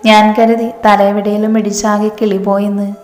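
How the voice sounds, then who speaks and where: A woman's voice: mid-range voice, flat delivery, brisk, a little mellow, natural voice. A woman voicing a playful, teasing young woman who is about to marry, speaking cheekily. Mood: cheeky. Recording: echoey room with long reverb.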